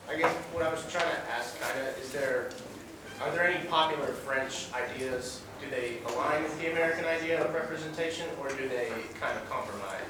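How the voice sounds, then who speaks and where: A man's voice: fairly high pitch, brisk. A man in a lecture audience asking a tentative follow-up question, hedging as he goes. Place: lecture hall. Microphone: off-mic, heard from a distance. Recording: distant, echoey hall with noise. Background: room ambience.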